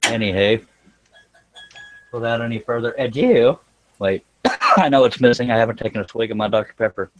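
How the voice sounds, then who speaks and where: A scroll saw craftsman hosts a workshop livestream, chatting casually as he works in a folksy, joking way. His mid-range voice moves at a moderate pace with long pauses, and the recording is muffled.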